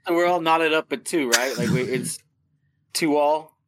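A man's voice: on the high side, moderate pace. An American man guesting on a podcast quiz, laid-back and casually swearing. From United States.

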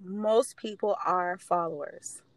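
A woman's voice: lowish voice, slow, dry recording. A woman guest on a podcast interview, speaking confidently and emphatically about her work. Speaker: guest, real estate investor. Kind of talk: casual conversational interview.

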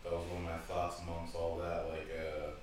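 A man with a very low voice talks in relaxed, reflective casual chat. He sits far from the mic in a very roomy space, with faint noise in the background. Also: brisk. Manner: relaxed, reflective, frequent fillers.

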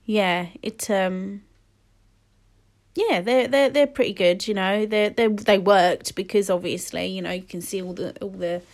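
A woman's voice: mid-range voice, measured pace. A woman, chatting casually and rambling with many fillers while sniffly from a cold. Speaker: podcast host. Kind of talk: casual solo chat.

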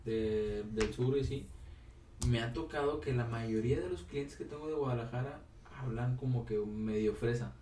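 A man's voice: mid-range voice, normal speed, warm tone, a little hiss or hum. A young Mexican man chatting casually with friends in easygoing slang. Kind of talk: casual chat. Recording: roomy, off-mic with faint ambience.

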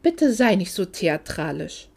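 A woman's voice: mid-range voice, big pitch swings, a little slow, vocal fry, a little mellow, slightly rough, voice pushed down, heavily acted. A woman reading as a cold, condescending mother. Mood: cool, reproachful. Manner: curt and condescending. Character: cold, dismissive middle-aged mother.

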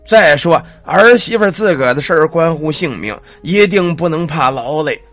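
A man's voice: fairly high pitch, animated, a bit bright, faint music behind. A man doing a stern old father's ghost. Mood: solemn. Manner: slow, drawn-out, commanding speech.

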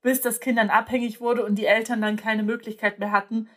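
A young woman talks in a relaxed, conversational way, and her voice sits a little on the high side. She often pauses to search for words and restarts her sentences. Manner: hesitant, many fillers and restarts. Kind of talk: casual chat.

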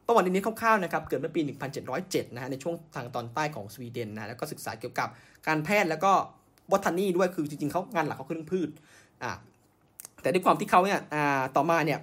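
ผู้ชายพูดเร็ว เสียงแหบเล็กน้อย. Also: male voice, fairly high pitch, expressive, fairly bright tone, husky. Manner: rapid, with many filler sounds and self-corrections. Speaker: podcast host. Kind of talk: casual science storytelling.

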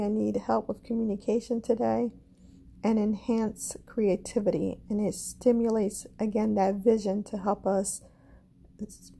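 Caribbean lady doing her crystal podcast, mellow husky voice, slow and gentle. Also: medium pitch. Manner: slow, gentle and self-deprecating, with soft laughs. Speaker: podcast host, astrology and crystal reader. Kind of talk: casual spiritual podcast monologue.

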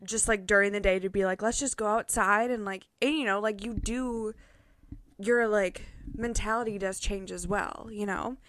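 A young woman in her twenties chatting casually with a friend on a podcast, full of fillers and quick laughs. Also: medium pitch, fairly even intonation, a bit bright, no room sound. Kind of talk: casual chat.

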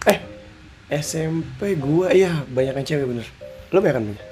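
A man hosting a casual chat, asking quick teasing questions. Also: a little high, lively intonation, warm tone, soft background music.

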